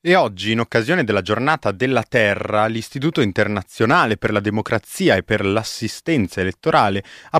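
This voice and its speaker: Male radio newsreader, lowish voice, scripted delivery, very dry sound. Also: a bit bright, no room sound. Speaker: news presenter. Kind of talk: scripted radio news reading.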